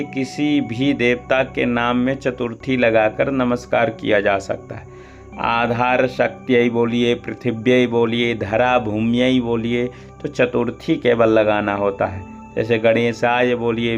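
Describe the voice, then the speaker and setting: A man teaching Sanskrit mantra recitation, chanting verses slowly and then briskly explaining how each syllable is pronounced. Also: mid-range voice, creaky, dull audio.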